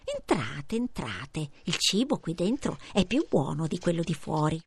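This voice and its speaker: A woman's voice: sits low, big pitch swings, unhurried, a little hiss or hum, exaggerated voice. Woman doing a coaxing old fairy-tale witch. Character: greedy half-blind old witch, female.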